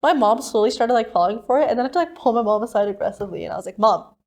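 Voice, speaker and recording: A woman's voice: a little high, very fast. A young woman co-hosting a podcast, telling a family travel story in casual chat and acting out the voices of the people in it. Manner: animated, acts out family members' voices in quotes. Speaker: podcast co-host.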